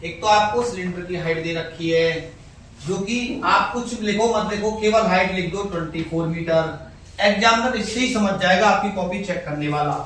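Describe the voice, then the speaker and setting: A man's voice: high-pitched, a bit bright. Male maths teacher, patient step-by-step explainer; distant, echoey recording with faint hiss. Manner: explains step by step, repeats key terms, reads English question slowly. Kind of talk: maths lesson for school students. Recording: very echoey room, far from mic, faint hiss.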